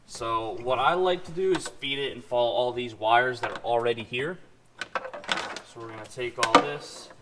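A man in his twenties, host of a car modification vlog, gives a casual hands-on tutorial to camera from his home garage, partly inside a vehicle. His medium-pitched voice moves at a moderate pace, informal and folksy, with background noise.

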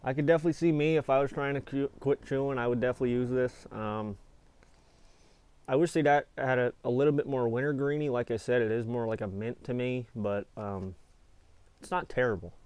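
A man's voice: medium pitch, fairly even intonation, fairly quick, darkish tone, clear, resonant tone, no room sound. Young American man talking with dip in lip. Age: 20s. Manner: talks with a lip full of dip. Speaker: product reviewer, video channel host. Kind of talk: casual chat to camera. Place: small indoor space with foil-insulated walls.

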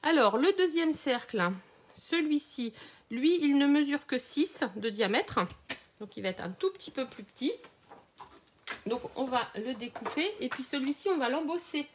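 A woman's voice: high-pitched, expressive, normal speed, slight background noise. A woman runs a live crafting tutorial, chatting to viewers with many hesitations and little laughs, recorded on a phone. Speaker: craft demonstrator.

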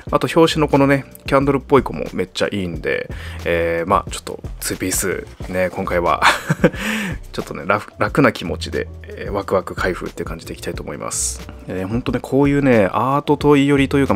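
Excitable man unboxing toys, lively pitch. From Japan. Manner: excitable, bursts into high laughs and exclamations. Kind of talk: casual unboxing chat.

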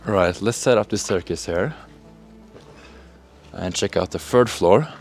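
A young man hosts a casual urban-exploring vlog on location, thinking aloud with fillers while filming on a handheld camera inside a large, cold, empty building. His low, gravelly voice moves at a measured pace over soft background music.

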